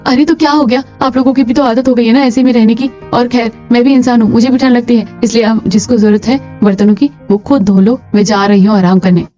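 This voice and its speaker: A woman voicing a lazy, defiant young daughter-in-law in a cartoon, with sharp retorts. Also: a little high, steady tone, fast talker, few pauses, natural voice. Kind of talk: cartoon voice acting. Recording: lo-fi with soft music.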